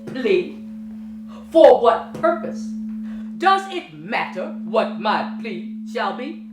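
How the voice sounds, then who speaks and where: A woman's voice: sits high, full character voice. Woman playing a vain, arrogant male god. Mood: defiant. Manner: grandiose, theatrical stage delivery. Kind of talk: stage drama performance. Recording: roomy stage with music behind.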